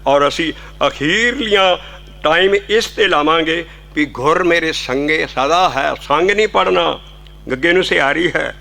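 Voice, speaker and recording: A man's voice: on the high side, a little slow, creaky, sharp tone. A man giving a devotional sermon, explaining scripture and breaking into sung hymn lines. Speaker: kirtan singer and preacher.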